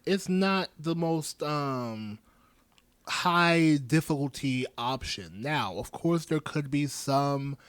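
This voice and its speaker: A man's voice: on the high side, expressive, slow, fairly bright tone, smooth, dry recording. A man co-hosting a podcast in casual chat, joking and trailing off into fillers. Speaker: podcast co-host.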